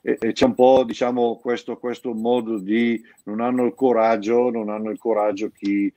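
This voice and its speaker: A man's voice: medium pitch, flat delivery, normal speed, dark tone, no echo. A middle-aged man with a Brescian Italian accent, talking casually as an interview guest, rambling and restarting his sentences often. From Brescia area, northern Italy. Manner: rambling, many restarts and repeated words. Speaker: guest, founder of an artists' collective.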